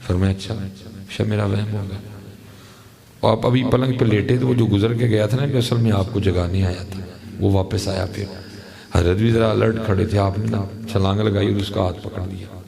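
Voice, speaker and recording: A man's voice: lowish voice, steady tone, gravelly, warm tone. A man preaching a storytelling sermon, slipping into asides and chanted verse.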